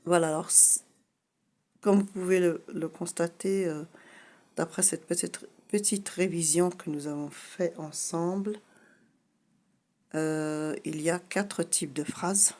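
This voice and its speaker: Slow, low-voiced woman teaching French. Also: steady tone, a little mellow. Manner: patient, repeats key points, says "voilà" often. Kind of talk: slow explanatory lesson.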